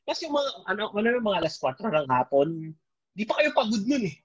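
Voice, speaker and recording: A man trades stories in a relaxed Taglish chat. His voice sits a little high with a husky grain. The recording sounds dull and lo-fi. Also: a little fast. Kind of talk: casual storytelling chat.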